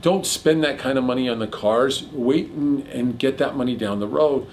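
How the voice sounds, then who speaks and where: A middle-aged man hosting a casual chat about mortgages, explaining figures quickly with a jokey manner. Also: medium pitch, slight background noise. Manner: rapid, jokey, piles on figures. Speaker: mortgage broker host.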